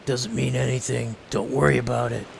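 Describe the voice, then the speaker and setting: A man voicing a brooding young male mercenary hero in a gruff, gravelly put-on voice, terse and clipped, reading game dialogue aloud. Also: medium pitch, fairly even intonation, brisk, noisy background, pitched below the performer's own voice. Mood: dismissive. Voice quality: gravelly, gruff Batman-style voice.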